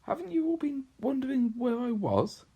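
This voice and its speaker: A man voicing an earnest, excitable little girl who pleads to be believed in a storybook reading. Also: very high-pitched, normal speed, slightly rough, voice pushed up, exaggerated voice. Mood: amazed.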